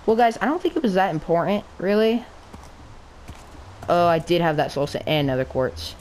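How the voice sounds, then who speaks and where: A woman playing a game with a friend, talking excitedly and nervously through every move in casual chat. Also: lowish voice, moderate pace, a little hiss or hum. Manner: frantic, excitable, talks through each move aloud. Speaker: gaming channel co-host. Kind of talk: casual let's play chat.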